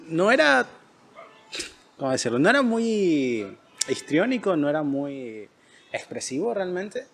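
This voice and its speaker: A man hosting a podcast, talking casually and hesitantly with frequent filler sounds. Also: a little high. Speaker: podcast host. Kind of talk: casual conversation.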